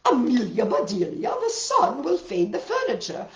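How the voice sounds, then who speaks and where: Woman as a loud, flustered storybook lady of the house. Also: a little high, huge pitch swings, pitched above the performer's own voice. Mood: demanding. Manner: loud, exclamatory, drawn-out words. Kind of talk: children's storybook character voice. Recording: roomy echo.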